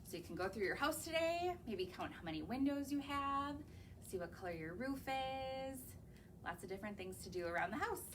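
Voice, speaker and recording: In a public library, a young children's librarian reads picture books to the children in a lilting, sing-song way and asks them questions as she goes. She speaks at a moderate pace in a slightly high, expressive voice, and there's a faint hiss or hum.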